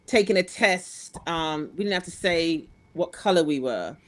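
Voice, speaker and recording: A woman's voice: lowish voice, expressive, measured pace, fairly bright tone. A middle-aged woman from England with a London accent, speaking as a guest in a frank conversational interview, telling her story earnestly and with animation, often restarting her sentences. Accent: London English.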